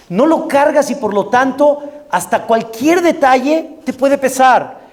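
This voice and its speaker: A man's voice: high voice, in a large hall. A man, a rabbi preaching a sermon animatedly, full of rhetorical questions.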